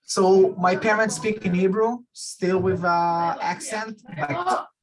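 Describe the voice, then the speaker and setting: Halting young man on a video call. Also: sits high, low-quality recording. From Israel. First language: Russian. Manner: halting, many fillers and restarts. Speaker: guest speaker. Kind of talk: casual talk and Q&A.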